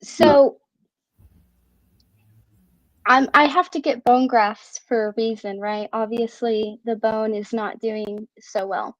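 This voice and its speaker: A middle-aged woman with a somewhat high voice talks casually in an online chat. Her speech is a little slurred and whistles on the S's, and she forms words with care. The audio is close and dry but slightly dull. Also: steady tone, takes it slowly, pauses often, no room sound. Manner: careful articulation while relearning to talk.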